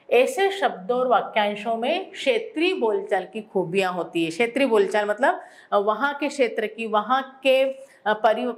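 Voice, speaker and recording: A woman teacher giving a school lesson, explaining slowly and answering her own questions. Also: fairly high pitch. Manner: repeats words for emphasis. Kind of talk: classroom Hindi lesson.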